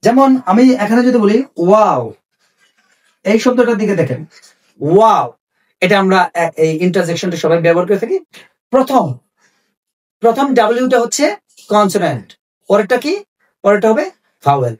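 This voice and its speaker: A man teaching a slow, questioning English lesson. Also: sits high, lively intonation, distant mic. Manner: explains step by step, poses questions then answers them; spells out English phrases slowly.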